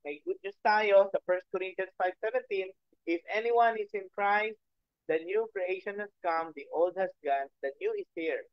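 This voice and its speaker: A man's voice: sits high, dry recording, dull audio. A man preaching a sermon in mixed Tagalog and English, asking the audience rhetorical questions and checking in with "okay?". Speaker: pastor.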